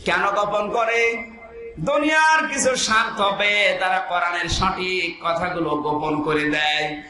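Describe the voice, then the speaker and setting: A young man in his twenties from Bangladesh, preaching a fiery outdoor sermon, shouting his points and chanting Quranic verses. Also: high voice, unhurried, reverberant, rough recording. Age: 20s. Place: outdoor gathering in rain.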